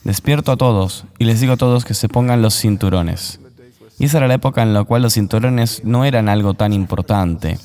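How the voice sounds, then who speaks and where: Man, interview guest, mellow tone, measured earnest storytelling, reverberant sound. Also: on the low side.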